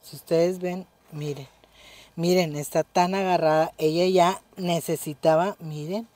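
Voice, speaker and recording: A woman's voice: fairly low pitch, steady tone, unhurried, dark tone. A woman talking casually in a home gardening vlog, fussing tenderly over a plant and often telling viewers to look. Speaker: gardening vlogger.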